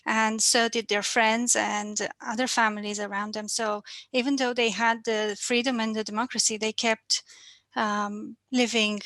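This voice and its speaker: A woman in her thirties from Romania, speaking with a Romanian accent as a financial coach guest, measured and reflective, on a video call. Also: on the high side, level tone, fairly bright tone, no echo. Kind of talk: online interview.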